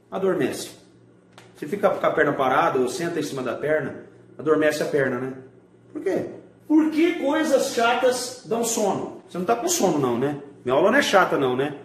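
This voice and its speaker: A man, an art teacher giving a recorded video lesson to schoolchildren, animated and full of rhetorical questions. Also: a little high, roomy sound. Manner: animated, asks rhetorical questions and acts out examples.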